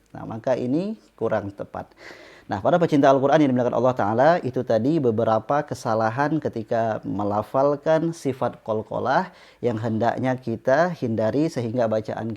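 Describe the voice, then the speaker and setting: A man gives a slow tajweed lesson as a Quran recitation teacher, explaining each pronunciation point with great care. He stretches the recited example words long and keeps dropping in small fillers between phrases. His voice sits at an ordinary middle pitch, and the studio recording sounds a little dull. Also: a little mellow. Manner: frequent fillers "nah" and "ya".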